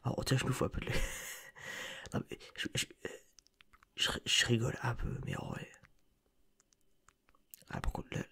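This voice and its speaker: A man's voice: mid-range voice, huge pitch swings, unhurried, vocal fry, long pauses, bright, forceful tone, slightly rough. A man giving whispered ASMR reaction commentary as a content creator and streamer, rambling with slangy, joking asides, close to a sensitive microphone.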